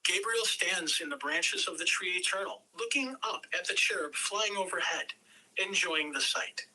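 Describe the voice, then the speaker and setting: Reading scene directions and narration aloud at a table read, an amateur gives the screenplay theatrical emphasis in an expressive, mid-range voice at a moderate pace. A far-off home microphone catches background noise too.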